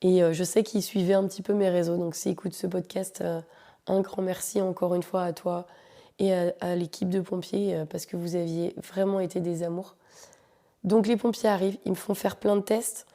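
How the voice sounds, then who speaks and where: A woman's voice: lowish voice, little pitch movement, normal speed, dark tone. A woman hosting a podcast, telling a personal story in a casual, joking, slangy way and talking straight to her listeners. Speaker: podcast host.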